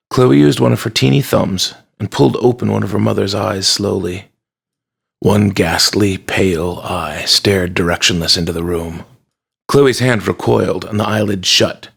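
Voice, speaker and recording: A man reading an audiobook chapter in a calm, measured storybook narration. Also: fairly low pitch, creaky, breathy edge.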